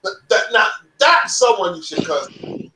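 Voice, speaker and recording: Bright, lively man in an echoey room. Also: moderate pace. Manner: lively, drops to low mumbles. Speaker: livestream host. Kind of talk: casual chat. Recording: roomy sound with faint noise.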